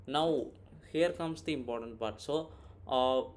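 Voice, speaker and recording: In this relaxed screen-recorded programming tutorial, a man with a mid-range voice and a somewhat slow pace works through his thoughts aloud, regularly checking in with "right?". You can clearly hear keyboard typing along with background noise.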